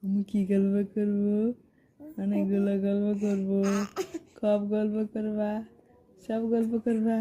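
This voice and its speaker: A woman, a mother using coaxing, sing-song baby talk to her infant, over clear background music. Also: mid-range voice, monotone, slow pace, long pauses, mellow, dull audio.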